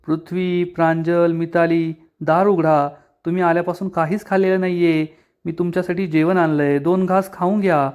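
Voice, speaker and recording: A man's voice: on the high side, level tone, normal speed, darkish tone, clean tone, lightly acted. A man reading the lines of an angry, tearful woman of the house in a serial recap, scolding and reproachful. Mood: coaxing.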